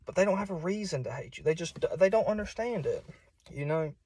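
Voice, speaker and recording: A young adult man with a Southern US accent records himself alone delivering an informal sermon in a folksy, conversational way. His voice sits high with a darkish, breathy tone, and he speaks animatedly at a brisk pace.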